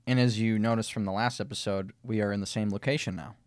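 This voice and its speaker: A young man with a Minnesotan accent hosting a casual podcast, relaxed, laughing easily and restarting his sentences. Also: lowish voice, fast talker, no echo, studio quality. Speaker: podcast host. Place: home room full of books.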